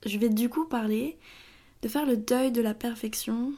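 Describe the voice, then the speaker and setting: A young woman hosting her own podcast, talking through her thoughts in a tired, halting way with many fillers and restarts. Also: a little high, warm tone. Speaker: podcast host. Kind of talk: casual personal monologue.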